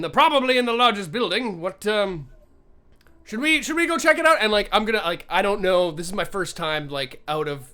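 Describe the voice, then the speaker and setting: Guy in a tabletop rpg session, high bright voice, stammers, sweary, puts himself down. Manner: stammering, self-deprecating, sweary. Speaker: player in a tabletop game. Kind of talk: casual improvised game chat.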